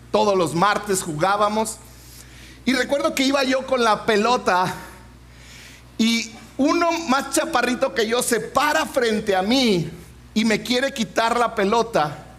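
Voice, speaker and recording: Man preacher, 40s, very high voice, humorous storyteller. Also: fairly bright tone. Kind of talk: sermon with personal story.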